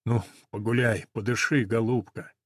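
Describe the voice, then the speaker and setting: Guy doing a sad old jockey, low and muffled, talks heavy. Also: steady tone, normal speed, slightly rough, dry recording, studio quality, natural voice. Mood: gruff. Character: old, gloomy, grieving male jockey. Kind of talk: storybook reading.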